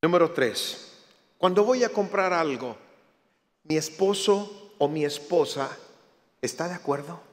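A man giving a lively church talk, a jokey storyteller who acts out other people's lines. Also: on the high side, a little slow, long pauses. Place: church hall. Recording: reverberant hall.

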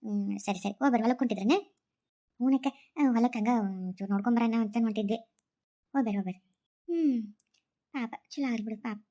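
A woman's voice: on the high side, quick pace, long pauses, warm tone, pitched below the performer's own voice, natural voice. A woman voicing an older village mother with a North Karnataka Kannada accent, for a cartoon story. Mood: content. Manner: homely rural chatter, wailing laments. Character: older village mother, gentle, later grief-stricken.

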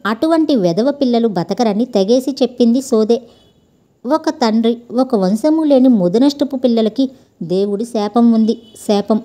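A woman voicing a sharp-tongued old woman who nags and scorns in a storybook reading. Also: fairly high pitch, animated, moderate pace, lightly acted. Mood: scolding. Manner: nagging, harsh, scornful.

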